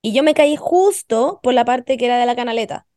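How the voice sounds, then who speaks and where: A young woman with a Chilean accent carries the podcast, spinning stories in quick, slangy, animated chat full of swearing. Her voice sits a touch high and is captured close and dry, with no room sound. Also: no room sound. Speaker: podcast host. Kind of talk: casual chat.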